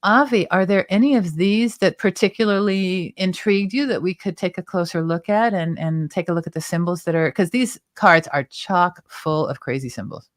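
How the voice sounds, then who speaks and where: A woman's voice: lowish voice, normal speed, hardly any pauses, dry recording, studio quality. A woman hosting a tarot talk show, chattily explaining the cards and their symbols at length. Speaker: tarot reader and show host.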